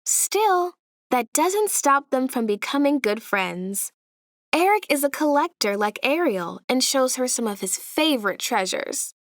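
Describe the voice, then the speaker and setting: Narrating a children's story, this woman speaks at a measured pace in a fairly high voice full of lively, swooping intonation. She takes her time and leans on dramatic emphasis like a storyteller performing for kids. The sound is close-miked and dry.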